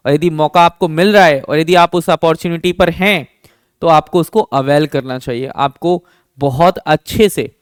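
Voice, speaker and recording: A man's voice: on the high side, clear, resonant tone, dry recording, clean studio sound. Man teaching, asking and answering himself. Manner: asks himself questions and answers them; repeats key terms slowly. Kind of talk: exam-prep lesson in Hindi mixed with English.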